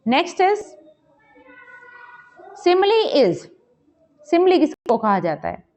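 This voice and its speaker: A woman teacher running a quiz lesson, reading questions slowly and explaining quickly. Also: sits high, very animated, a little mellow. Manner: reads questions slowly, explains quickly in Hindi-English mix. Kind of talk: exam-prep quiz lesson.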